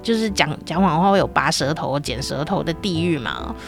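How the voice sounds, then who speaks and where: A woman's voice: low-pitched, animated, brisk, faint music behind. A middle-aged woman telling a comic personal story in a chatty, playful way, with many sentence-final particles. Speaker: storyteller host.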